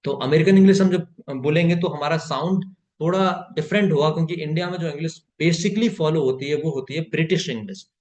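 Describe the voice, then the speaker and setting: An Indian man teaches spoken English over a video call, his slightly high voice carrying some echo from the room. He explains in Hindi, then stretches out short English phrases slowly and repeats them for learners to copy. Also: a little mellow, a little hiss or hum. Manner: slow drawn-out repetition of phrases for learners. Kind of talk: online class, Hindi explanation with English drills.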